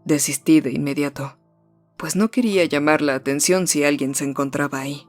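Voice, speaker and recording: A storyteller with a voice of middle pitch, narrating a first-person horror tale in a hushed, measured way that slows and sinks at the tense moments. Faint music runs underneath.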